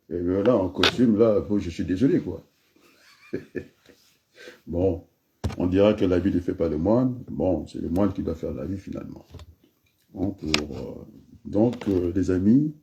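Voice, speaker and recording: A man's voice: low voice, dark tone, muffled recording, a little hiss or hum. A man from the Republic of the Congo giving a freewheeling spoken address, rambling from one aside to the next with frequent restarts. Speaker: speaker.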